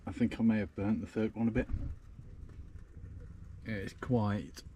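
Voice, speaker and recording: A man's voice: on the low side, steady tone, unhurried, dark tone, slight background noise. A man chatting casually to camera from inside a small parked van, rambling with lots of ums. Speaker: van-life vlogger.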